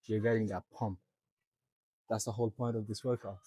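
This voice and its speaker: A man's voice: on the low side, flat delivery, a little fast, mellow, slightly rough, dry recording, rough recording. A young man in a gym, out of breath, coaching viewers step by step through a back workout. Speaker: fitness vlogger. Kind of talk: casual gym walkthrough.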